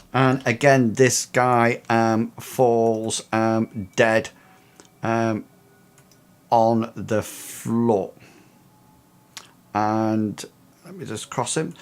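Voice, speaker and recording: A man narrating as game master, explaining rules and the action to his players. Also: mid-range voice.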